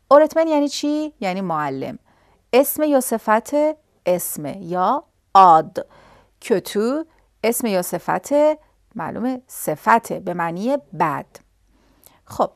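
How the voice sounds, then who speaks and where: A woman's voice: mid-range voice, very animated, dry recording, studio quality. A woman teaching a grammar lesson, explaining step by step and answering her own questions. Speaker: language teacher.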